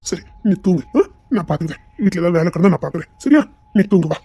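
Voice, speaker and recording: A woman voicing a remorseful, tender young husband with a Tirunelveli Tamil accent, in a web-series drama. She pleads and repeats apologies quickly. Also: on the low side, warm tone, husky. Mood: pleading.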